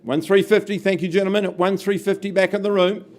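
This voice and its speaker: Guy doing live auction calls, pretty high voice, punchy counting down the bids to the room. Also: fairly even intonation, fast talker, darkish tone. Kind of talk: live property auction calling.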